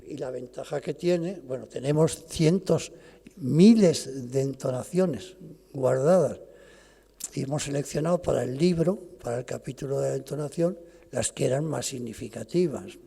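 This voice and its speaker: An older man from lectures to an audience, explaining patiently and breaking off to restart his phrases. His voice is gravelly and husky with a mellow, dark tone. The sound carries the long reverb of a lecture hall. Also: mid-range voice, normal speed. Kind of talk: academic lecture.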